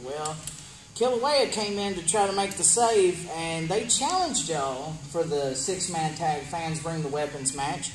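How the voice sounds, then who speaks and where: Male wrestling promo interviewer, animated pitch, announcing match cards in an echoey space with music. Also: measured pace. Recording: echoey room with music behind.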